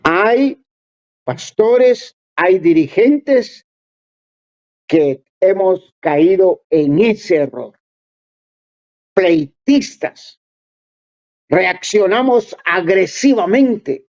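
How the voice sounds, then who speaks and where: Slow, earnest preacher on a dull recording. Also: mid-range voice, expressive, a little mellow. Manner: earnest, exhorting, addresses listeners directly. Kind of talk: sermon.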